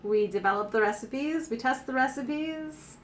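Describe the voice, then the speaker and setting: A woman's voice: high-pitched, unhurried, a bit bright, slight background noise. A Canadian woman in her forties with a Canadian accent, chatting casually and cheerfully as a food-site co-host. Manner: upbeat, giggly. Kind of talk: casual chat.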